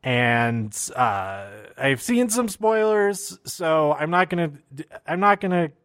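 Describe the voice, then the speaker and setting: Excitable man rambling through a wrestling recap. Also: a little high, dry recording, studio quality. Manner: excitable, rambling, many fillers and restarts. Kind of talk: casual spoken recap.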